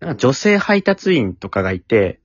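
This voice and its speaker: Husky man chatting on a lo-fi mic. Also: mid-range voice, big pitch swings, moderate pace, dry recording. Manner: stammering, repeating worried questions. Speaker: podcast co-host. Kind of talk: casual chat between friends. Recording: dull lo-fi dry home recording.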